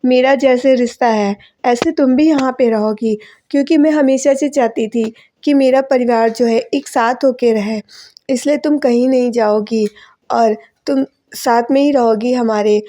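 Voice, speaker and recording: A woman with a fairly high, mellow voice narrates a casual voice-over recap of a TV serial episode. She retells the scenes and speaks the characters' lines as plain quotes. Her tone stays relaxed and warm throughout. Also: a little slow. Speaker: channel host recapping a TV serial. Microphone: voice-over recorded separately from the clips.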